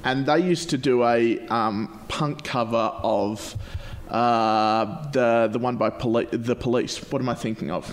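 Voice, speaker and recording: Podcast host, male, late twenties, mid-pitched, chatty and self-mocking, cave-like echo of a living room. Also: steady tone, measured pace, hardly any pauses. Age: late 20s. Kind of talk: casual chatty podcast interview. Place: large living room, indoors.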